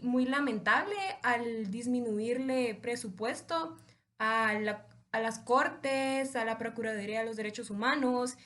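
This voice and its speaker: A woman's voice: on the high side, a bit bright. A young woman from Guatemala, a law student guest, explaining earnestly and at length in a casual podcast chat. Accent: Guatemalan Spanish. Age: young adult.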